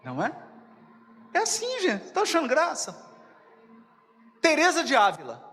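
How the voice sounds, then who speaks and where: A man with a Mineiro Brazilian accent giving a spiritual lecture, animated and acting out little dialogues as he talks to his audience. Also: extremely high pitch, unhurried, big-room sound. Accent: Mineiro Brazilian Portuguese. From Minas Gerais, Brazil. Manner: animated, acts out dialogues, addresses the audience directly.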